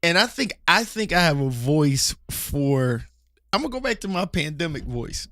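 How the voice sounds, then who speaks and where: At a studio table with his co-host, a Philadelphia man rants passionately about church culture on a casual podcast, rambling and restarting his sentences often. His voice is on the high side, very animated, and fairly bright at a normal speed. The studio-quality audio has no echo.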